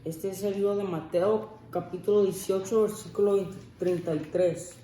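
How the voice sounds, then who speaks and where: A student slowly reading Bible verses aloud in class, stumbling and restarting over words. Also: medium pitch, steady tone, dark tone. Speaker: scripture reader in class. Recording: echoey room with faint noise.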